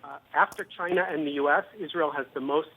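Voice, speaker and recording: A man being interviewed as a guest analyst on a business news show, explaining at a measured pace with some fillers. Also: on the high side, steady tone, bright, forceful tone, a little hiss or hum. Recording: tinny phone-line audio.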